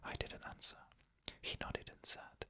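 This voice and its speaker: Reading first-person horror-tinged stories, this ASMR storyteller uses a soft, unvoiced whisper. Phrases come out slowly and in a measured way.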